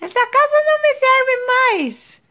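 Brief: a woman doing a tiny baby girl's squeaky voice, whiny and very high. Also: animated, unhurried, pushed and bright, exaggerated voice. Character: baby girl complaining, mother voicing her.

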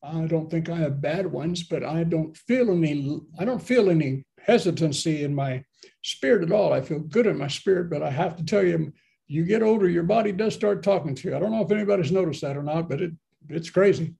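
A pastor in his seventies, in a small home office, preaches on a video call through his laptop webcam, fairly quick and with some vocal fry. His voice is fairly high, mellow and warm, and he wanders conversationally through the sermon, tossing in asides and putting questions to listeners.

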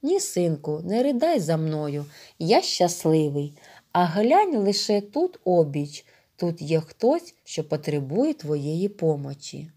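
A woman voicing a dying old village elder, calm and wise, who speaks weakly and solemnly. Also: low-pitched, slow pace, husky, full character voice. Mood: tender. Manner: weak, quiet, solemn speech.

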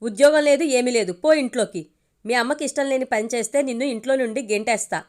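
A woman reading the part of a middle-aged father who dodges family quarrels, gruff and dismissive. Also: on the high side, fairly even intonation, fast, close to an everyday voice. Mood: shouting. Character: stern middle-aged father, sly peacemaker.

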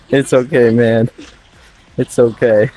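Woman putting on a deep goofy gamer dude. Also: steady tone, mellow, rough recording. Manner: slow, goofy, calls everyone bro and man. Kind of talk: playful gaming banter. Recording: game music playing behind.

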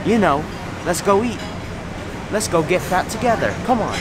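A man's voice: high voice, expressive, normal speed, loud music behind the voice. A man vlogging casually to camera in a busy buffet restaurant, hyping the food to his viewers. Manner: upbeat, hypes the food to viewers. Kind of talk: casual vlog chat to camera. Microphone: handheld camera at arm's length.

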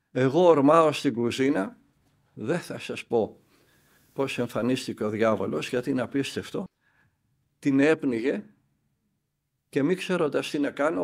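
An elderly monk with a gravelly, medium-pitched voice tells a spiritual story. He acts out the dialogue with lively emphasis.

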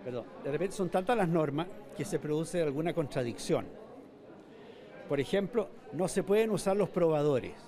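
Speaking into a reporter's handheld mic in an indoor mall corridor, this older Chilean man answers news interview questions as the mall's manager. His voice sits on the high side and sounds mellow, and he frequently restarts and repeats words.

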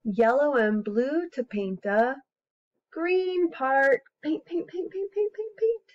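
Here a children's educator and story reader, a woman in her thirties, uses a high voice at a slow pace. She's expressive and singsong as she reads aloud and shows a craft, inviting young listeners to take part, captured on a slightly dull webcam.

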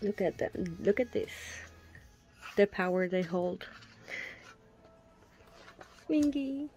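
A woman's voice: medium pitch, expressive, takes it slowly, faint music behind. A young woman gushing through a photobook unboxing, gasping and whispering little asides as she looks at each picture. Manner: gushing, breathy gasps and soft whispered asides. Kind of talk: casual unboxing commentary.

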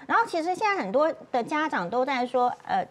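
A woman's voice: high voice, sing-song, fairly quick. A woman doctor with a Taiwanese Mandarin accent, giving thoughtful commentary on a talk show. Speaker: doctor guest.

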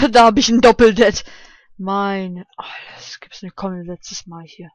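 Excitable man yelling through a game. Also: high voice, unhurried, no echo. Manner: excitable, yelps and shouts at failures, swears; drops to hushed muttering to calm himself. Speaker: let's play gamer. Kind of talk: casual gameplay commentary.

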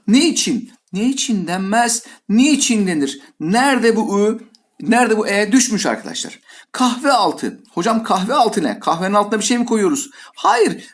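A male teacher giving a grammar lesson, voicing his students' questions himself and answering them in a playful way. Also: high-pitched.

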